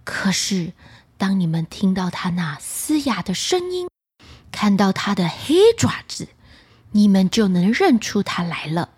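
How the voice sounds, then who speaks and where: Woman doing a gentle warning mother goat. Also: mid-range voice, big pitch swings, measured pace, slightly rough, pitched below the performer's own voice, exaggerated voice. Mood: cautioning. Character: loving, anxious mother goat.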